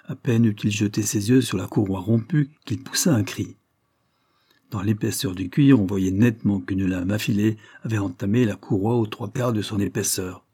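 A man narrating a classic novel as an audiobook, in a steady, measured reading. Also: lowish voice, husky, dry recording.

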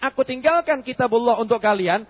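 A preacher delivers a lively, brisk sermon, acting out dialogues by posing questions to his listeners and answering them himself. His voice is high and husky. The lo-fi, dull recording has a long hall reverb.

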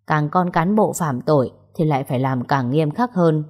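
A woman's voice: low-pitched, normal speed, darkish tone. A woman doing a smug scheming police chief. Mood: smug command. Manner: commanding, self-satisfied.

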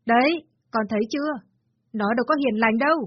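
A woman's voice: a little fast, husky, no room sound. A woman voicing a spiteful older mother-in-law who scolds and hurls abuse, on a dull, dry recording. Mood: scornful scolding. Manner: shrill, scornful, shouting abuse.

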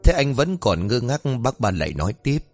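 A man's voice: medium pitch, brisk. Male storyteller narrating a ghost story. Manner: steady, dramatic storytelling. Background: faint music.

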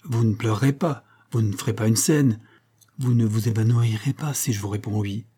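A man's voice: fairly low pitch, moderate pace, warm tone, husky. Man reading a reserved middle-aged mother. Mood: calm.

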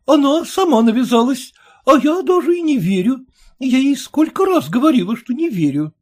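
A woman's voice: high voice, sing-song, normal speed, breathy edge, voice pushed up, full character voice. A woman voicing a flustered, timid older mother in an audiobook, talking in an apologetic, fumbling way. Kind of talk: audiobook reading.

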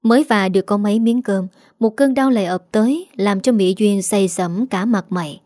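A woman narrating a scripted family story in an even storytelling manner. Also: medium pitch, normal speed, no room sound, studio quality.

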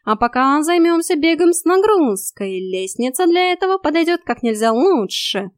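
For an audiobook, a woman voices a cheeky male talking cat, pitching herself above her natural voice into a high, sing-song register at normal speed. The cat mockingly teases like a bossy fitness coach with drill-instructor banter. The sound is clean studio audio with no room sound.

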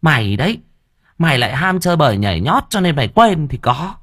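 A man's voice: high voice, unhurried, no room sound, clean studio sound, pitched above the performer's own voice. A man voicing a scheming middle-aged stepmother who screeches, wails and nags. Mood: scolding. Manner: screeching, wailing, nagging.

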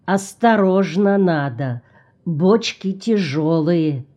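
Calm quiet chukchi hunter guy, woman reading him, slow broken phrases, mellow. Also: lowish voice, highs cut off. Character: calm weathered Chukchi man, few words.

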